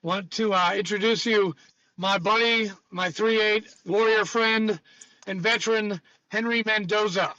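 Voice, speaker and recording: A man's voice: sits high, fairly even intonation, a little slow, pushed and bright, dull audio. A man hosting a podcast, joking bluntly and rambling casually between topics. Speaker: podcast host. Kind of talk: casual chat.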